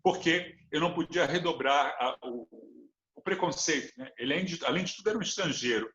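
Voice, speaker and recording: A man's voice: a little high, a little fast, a bit bright. Man, Brazilian Portuguese accent, interview guest, earnest and reflective, echoey room, muffled lo-fi sound. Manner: earnest, thoughtful, builds points with examples. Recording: roomy, dull lo-fi sound.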